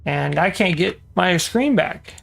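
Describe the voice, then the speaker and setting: Gravelly man muttering through a building game. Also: sits high, expressive, slow, fairly bright tone. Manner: muttering to himself, frustrated asides and self-corrections. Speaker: gaming video creator. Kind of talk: casual gameplay commentary.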